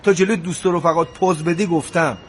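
A man's voice: on the high side, steady tone, slight background noise, close to an everyday voice. A man playing a weary husband in debt. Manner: weary, exasperated, pleading. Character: indebted husband, proud and worn down. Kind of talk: TV drama dialogue.

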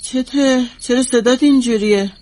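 A woman's voice: high voice, a little mellow, close to an everyday voice. An actress playing a distraught mother of the house who cries out in grief and anguish. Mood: worried. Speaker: lady of the house.

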